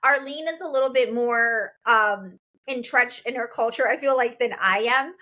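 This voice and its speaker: A Chicago woman in her forties hosts a casual interview chat, her voice on the high side at a moderate pace. She's lively and often echoes her guest's words back.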